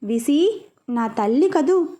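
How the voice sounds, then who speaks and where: A woman's voice: high voice, lively intonation, slow pace, warm tone. A woman voicing a caring, firm woman who comforts and questions a crying friend.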